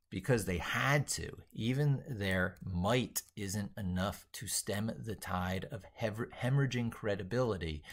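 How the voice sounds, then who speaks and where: A man who teaches tech and makes videos works through an opinionated tech piece out loud, pausing, circling back over phrases, and rewording them with emphasis. His voice sits low.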